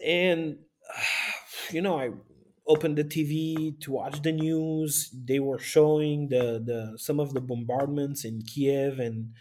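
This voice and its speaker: A man, speaking earnestly and haltingly as an interview guest, with sighs. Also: on the high side, steady tone, a little mellow, slight background noise. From Romania. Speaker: guest, aid volunteer and former pastor. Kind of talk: casual interview talk.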